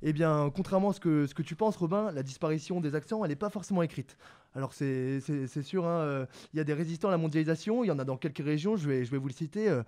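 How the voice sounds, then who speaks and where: A young man in his twenties arguing his side in a student radio debate, lively and quick to slip into playful imitations. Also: on the high side. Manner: lively, mock regional imitations.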